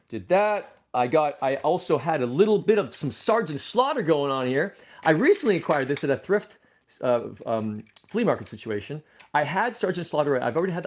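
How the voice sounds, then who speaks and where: A man hosts a casual livestream in a voice on the high side. Excitable and rambling, he often restarts his sentences and breaks into loud exclamations.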